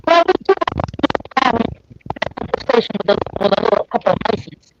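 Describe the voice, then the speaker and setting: A man's voice: extremely high pitch, lively intonation, moderate pace. Man on a glitchy, breaking-up call. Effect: choppy, garbled call audio that keeps breaking up and sounds underwater. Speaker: call-in guest. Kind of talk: casual chat over a call. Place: on a public bus. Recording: muffled call line with loud noise.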